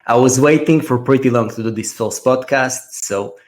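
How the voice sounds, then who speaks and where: A Russian man in his thirties, a trader and mentor, speaks with a Russian accent in a mid-range voice at normal speed. As a guest on a casual trading podcast, he earnestly tells his life story.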